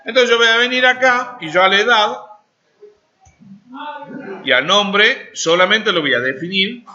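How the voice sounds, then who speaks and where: This live classroom coding lesson is led by a man in his 40s whose voice sits high, sounding pushed and bright at a slightly slow pace. He keeps talking while he types and quizzes students to make sure they're following, all captured on dull lo-fi audio.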